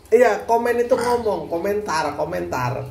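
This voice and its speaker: A man's voice: sits high, big pitch swings, a little slow, gravelly, darkish tone. A man filming his family in a home kitchen with a phone, chatting casually and teasing playfully. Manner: teasing, playful, laughs often. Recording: echoey room with background noise.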